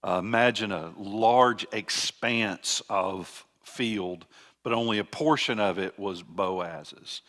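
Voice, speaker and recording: A man's voice: on the low side, takes it slowly, a bit bright. An older man, a pastor giving a conversational teaching sermon with frequent restarts.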